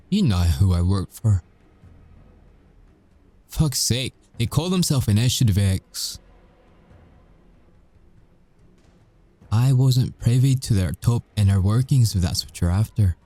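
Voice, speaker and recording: For an intimate audio roleplay, a man plays a weary werewolf ex-agent who is confessing, speaking haltingly and pausing deliberately. His lowish voice is warm and animated. The mood is wry and guarded.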